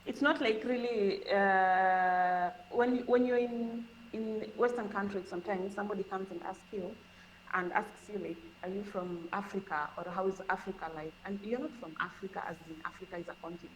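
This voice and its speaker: A woman's voice: medium pitch, fairly even intonation, normal speed, a little hiss or hum, low-quality recording. A woman from Kenya with a Kenyan accent, a podcast guest explaining earnestly in casual conversation and often repeating words.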